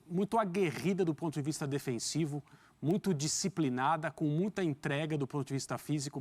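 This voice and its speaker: Emphatic man in football analysis. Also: a little high. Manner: emphatic, articulate, rhetorical. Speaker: football commentator. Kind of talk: studio sports analysis.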